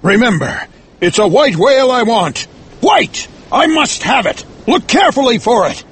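A man's voice: extremely high pitch, very animated, moderate pace, fairly bright tone, breathy edge, pitched above the performer's own voice, heavily acted. A man voicing a fierce, obsessed, vengeful whaling captain with intense, roaring, dramatic delivery, as in an audiobook. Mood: fierce, commanding.

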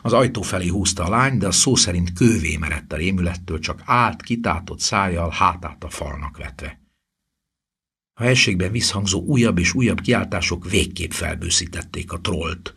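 A man reading a fantasy story aloud as narrator, building suspense and often sinking to a hushed whisper. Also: deep voice, animated, vocal fry, slightly rough. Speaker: audiobook narrator. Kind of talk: scripted narration.

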